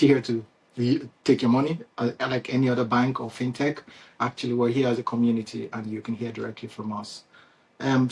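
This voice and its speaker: A Nigerian-accented man, CEO and founder of a company, hosts an unscripted Q&A for his customers. His mid-range voice is a little mellow with a breathy edge, and he chats casually, chuckling often amid frequent fillers and restarts.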